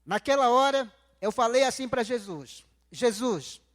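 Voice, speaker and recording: A man whose first language is Nheengatu, telling his conversion story in a church service in a slow, heartfelt way and repeating his phrases. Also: very high voice, big-room sound. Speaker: guest speaker giving testimony.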